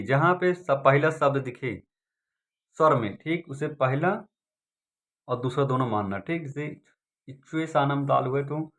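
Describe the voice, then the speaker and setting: A man's voice: medium pitch, fairly bright tone. A man teaching an exam-prep lesson, repeating points and asking and answering his own questions. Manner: repetitive, drilling, asks and answers own questions.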